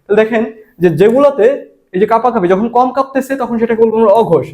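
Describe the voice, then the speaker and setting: A man's voice: very high voice, rapid-fire, a little mellow. A man, teaching an exam prep lesson and asking and answering his own questions. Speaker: admission exam tutor. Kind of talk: spoken grammar lesson.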